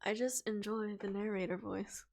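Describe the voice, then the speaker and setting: A woman with a tiring voice reading character backstories on a live stream, chatty and laughing between readings, speaking more softly to rest her voice. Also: medium pitch, fairly even intonation, normal speed, gravelly. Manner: softer, less forceful delivery to rest the voice. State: voice getting tired. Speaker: storytelling streamer.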